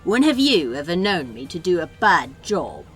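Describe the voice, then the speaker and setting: A woman's voice: on the low side, big pitch swings, normal speed, fairly bright tone, faint music behind. A woman voicing a sardonic, bossy male demon in a fan audio drama, talking in a dry, exasperated, scolding way.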